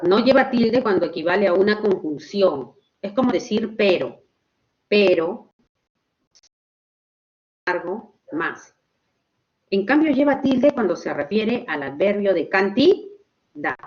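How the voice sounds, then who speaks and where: A woman teacher gives an online class, walking through each point with unhurried care and pausing often to check that students follow. Her voice sits at an ordinary middle pitch. The recording is dull and lo-fi, as from a computer mic. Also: lively intonation. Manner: slow, explanatory, checks in with "¿ok?".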